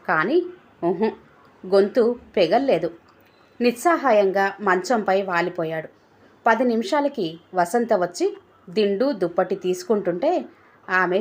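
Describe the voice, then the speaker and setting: A woman narrating a family story in a measured, steady reading voice. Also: medium pitch. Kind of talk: scripted narration.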